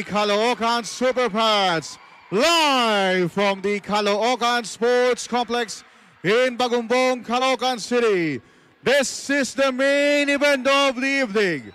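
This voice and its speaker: A man with a Filipino accent booming out live sports introductions as a hype arena announcer, stretching out the names. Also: fairly bright tone, clean tone. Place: large indoor sports arena.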